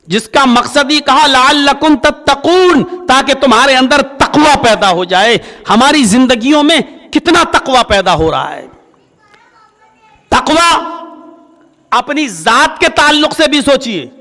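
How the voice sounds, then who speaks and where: A male Islamic preacher giving a sermon, telling a story and acting out its dialogue with swings in pitch. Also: pushed and bright, in a large hall. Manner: storytelling, acts out dialogue with rising and falling pitch.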